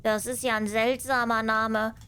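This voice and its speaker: A woman's voice: a little high, little pitch movement, a little slow, bright, forceful tone, clear, resonant tone. A woman voicing a small, trusting female mouse in a fairy tale, earnest and inquisitive. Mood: puzzled.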